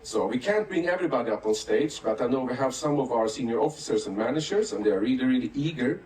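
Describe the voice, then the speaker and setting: A man's voice: medium pitch, expressive, fast, darkish tone, a little hiss or hum. A man from Sweden, a ship captain giving a jovial welcome speech to passengers. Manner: jovial, jokey, addressing a crowd. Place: ship's theater stage. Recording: roomy hall audio from a distance.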